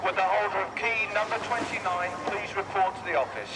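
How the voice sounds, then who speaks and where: A man playing a lido owner, making a formal call for a locker-key holder over a public-address loudspeaker at an outdoor pool. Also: high-pitched. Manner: formal, measured announcing. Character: male lido owner calling over the tannoy. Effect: public-address loudspeaker announcement. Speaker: lido manager making an announcement. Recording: distant loudspeaker, loud outdoor noise.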